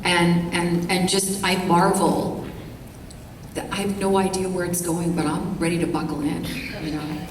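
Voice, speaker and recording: A woman's voice: fairly low pitch, a little slow. Gushing middle-aged woman in an echoey hall. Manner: gushing, animated. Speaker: convention panel guest. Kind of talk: panel answer. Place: large convention hall. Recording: echoey hall, distant mic, noisy.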